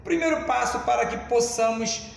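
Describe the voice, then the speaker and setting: A Brazilian man teaching a grammar lesson at the board, explaining slowly and addressing the class as "senhores.". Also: very high voice, creaky. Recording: echoey classroom, reverb.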